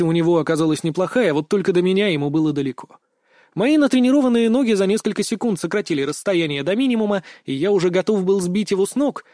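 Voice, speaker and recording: A man reads a first-person story aloud in a brisk, steady narration. His voice sits high for a man. The sound is dry and close, with no room around it. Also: no room sound. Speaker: audiobook narrator.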